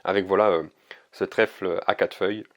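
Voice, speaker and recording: A man giving a casual oracle card reading to camera, hesitant and gentle, with many fillers and restarts. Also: deep voice, fairly even intonation, normal speed, muffled recording.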